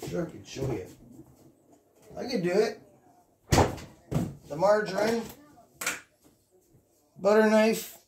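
Filmed on a phone in his kitchen, held in hand and later set down close by, a tipsy man in his fifties rambles to camera for his home cooking vlog, giggling, cursing, clowning around and saying things twice. He has a high voice with lively intonation, but he takes his time and pauses often. Background noise runs under the recording.

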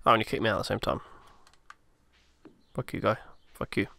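A man's voice: lowish voice, little pitch movement, brisk, creaky, bright, forceful tone, a little hiss or hum. A man casually commenting on his own gameplay, chatty and swearing freely as he mutters along. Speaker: let's play host.

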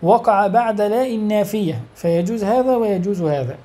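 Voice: mid-range voice, a little fast, warm tone. An Arabic grammar teacher, explaining step by step, asking questions and answering them, and stretching out example words. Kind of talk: explanatory lesson.

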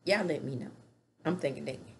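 This middle-aged woman's voice is low-pitched and creaky, and she talks fairly quickly over a noisy background. Recorded by a webcam at desk distance indoors in a small home room, she recaps a reality show in a chatty, opinionated way, using hand gestures.

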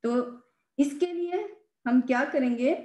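A woman's voice: high-pitched, a little slow, a little mellow, reverberant. A woman teacher explaining a children's math lesson patiently, repeating and stressing the key words.

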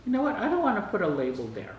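With a high voice, huge pitch swings, and rapid-fire delivery, an older vlog host chats casually as he tries out a gadget in his dining room. The sound is lo-fi and echoey, captured by a distant camera mic with faint noise.

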